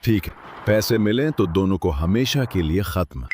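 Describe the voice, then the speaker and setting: A lowish male voice that swings widely in pitch, mocking and menacing as a gloating kidnapper. The dubbed drama track carries clear background noise. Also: expressive, normal speed.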